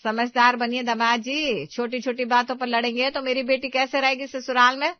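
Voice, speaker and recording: A woman's voice: a little high, little pitch movement, normal speed, dry recording, dull audio, voice pushed up, natural voice. A woman voicing a bossy, protective middle-aged mother in a cartoon story, with a stern, scolding tone.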